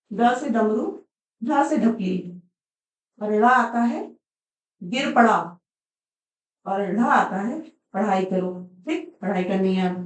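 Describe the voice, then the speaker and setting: A woman's voice: a little high, darkish tone. Echoey, distant woman teaching Hindi. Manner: patient, explains step by step, often says "ठीक है". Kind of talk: blackboard lesson on pronunciation.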